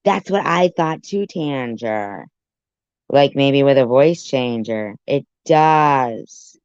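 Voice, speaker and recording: Deep pitch-shifted voice, slow, smooth, swears a lot, dull lo-fi sound. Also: lively intonation, darkish tone, no room sound. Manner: blunt, profane, sarcastic. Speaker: commentator reacting to a clip. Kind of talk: ranting commentary.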